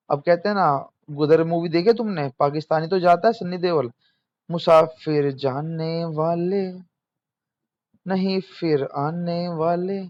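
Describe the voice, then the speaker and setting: A man's voice: a little high, no room sound, dull audio. A young man teaching exam material in a casual lecture, chatty, quizzing students and answering himself.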